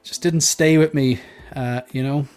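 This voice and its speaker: A man's voice: fairly high pitch, fairly even intonation, unhurried, darkish tone. A man hosting a casual panel chat, rambling a little and repeating words as he goes. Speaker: host of a hobby panel show.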